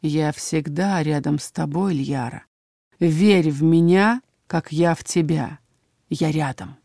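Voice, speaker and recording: A woman voicing a mysterious tall man in a cloak, low, slow and hushed. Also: creaky, no echo, clean studio sound, heavily acted. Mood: coaxing.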